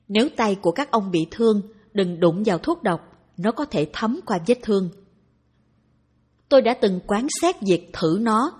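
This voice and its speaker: A woman reading a dharma talk aloud in a calm, even narration. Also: medium pitch, breathy edge. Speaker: reader of dharma talks.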